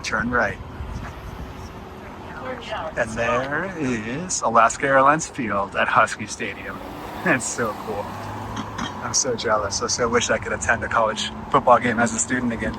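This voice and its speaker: An unhurried middle-aged man, medium-pitched and pausing often, narrates a casual campus walking-tour vlog he's filming as a visitor. He's enthusiastic while staying offhand about details, walking outside with occasional indoor stretches amid city traffic noise.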